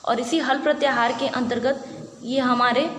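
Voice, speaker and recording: High-voiced woman teaching in an echoey room. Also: fairly even intonation, normal speed, fairly bright tone. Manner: patient, repeats "ठीक है" and asks rhetorical questions. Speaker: Sanskrit teacher. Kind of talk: online lecture explaining grammar. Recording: echoey room with faint background hiss.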